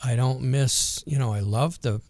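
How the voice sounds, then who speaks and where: An older man with a natural Vermont accent and rural twang, reminiscing casually and hesitantly in a folksy, unhurried way as an interview guest. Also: medium pitch, darkish tone, no room sound.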